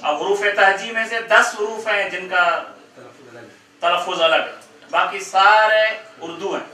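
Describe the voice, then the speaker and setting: Slow, echoing male recitation teacher. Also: high-pitched, steady tone, sharp tone. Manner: slow, drawn-out demonstration of letter sounds. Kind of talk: classroom tajweed lesson. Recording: echoey room, mic far off.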